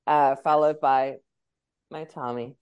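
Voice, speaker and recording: A woman co-hosting a casual sports podcast, giving a relaxed recap of a game. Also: extremely low pitch, slow, clear, resonant tone, lo-fi sound.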